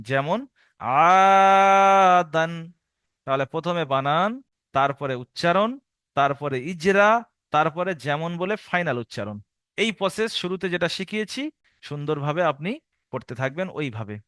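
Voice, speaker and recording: A man teaching a recorded Quran reading lesson for adults, slowly drawing out each spelled syllable, then explaining at a steady pace. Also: a little high, no room sound, clean studio sound. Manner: slow drawn-out syllable-by-syllable spelling drills alternating with steady explanation.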